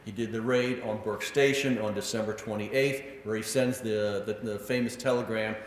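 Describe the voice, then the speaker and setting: A man giving a public history lecture, telling stories with animated delivery and acting out quotes, with frequent filler words. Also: fairly low pitch, normal speed, a little hiss or hum. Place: lecture room. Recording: echoey lecture hall.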